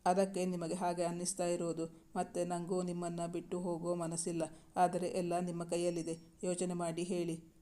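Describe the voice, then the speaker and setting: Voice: medium pitch, monotone, moderate pace, dark tone, lightly acted. A storyteller voicing a playful, affectionate young man in a spoken romance story, coaxing and teasing.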